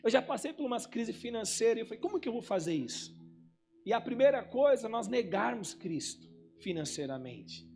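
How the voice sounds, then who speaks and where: A Brazilian man preaching a sermon to his church, swinging between loud outbursts and quiet asides as he acts out his own talks with God. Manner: preaching with wide swings in loudness and pitch, quoting himself and God in conversation. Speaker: pastor.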